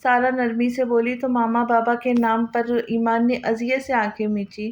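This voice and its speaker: A woman narrating a romance novel with steady storytelling reading. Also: on the high side, normal speed.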